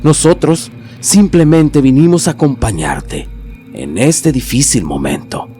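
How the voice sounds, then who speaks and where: A man's voice: mid-range voice, lively intonation, measured pace, warm tone, soft background music, lightly acted. A man voicing a hypocritical, scheming middle-aged woman who is falsely polite and menacing. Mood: false sympathy.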